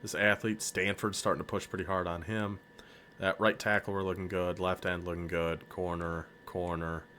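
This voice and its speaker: Low-voiced excitable man commentating a game. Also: normal speed, slight background noise. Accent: American northern. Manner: excitable, hypes up players, laughs often. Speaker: gaming YouTuber.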